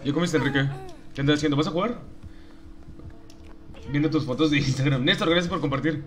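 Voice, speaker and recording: A man's voice: on the high side, brisk, a bit bright. A young man with a Mexican accent streaming a game, chatting casually in slang and greeting viewers by name. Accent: Mexican Spanish. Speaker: gaming streamer. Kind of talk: casual livestream chat while gaming.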